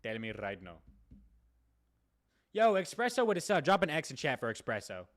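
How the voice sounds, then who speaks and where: A young man live-streaming, chatting casually with viewers in an excitable way, repeating himself and firing off rapid shout-outs. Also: a little high. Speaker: livestreamer doing prank calls.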